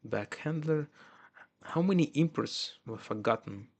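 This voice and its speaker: A coding streamer with a Russian accent talks through a live session, muttering to himself with halting restarts while fixing errors. His voice is a little high, gravelly and slightly mellow, with lively intonation.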